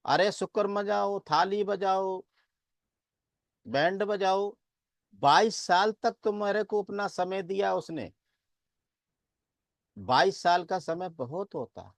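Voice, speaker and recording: A man's voice: high voice, slow, pauses often, dry recording, voice pushed up. A man voicing a wise male Buddhist monk in a story, insistent and exclaiming in a raised voice. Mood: exhorting.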